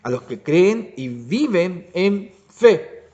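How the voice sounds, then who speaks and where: Pastor guy teaching a bible study, kinda high voice, muffled lo-fi recording. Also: sing-song, very slow, dark tone. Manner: restarts and asks "¿ya?" to check understanding.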